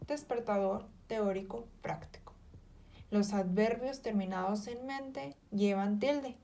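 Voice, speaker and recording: A woman slowly reading out spelling and accent rules, listing example words one by one in a careful, measured way. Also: mid-range voice, darkish tone, a little hiss or hum.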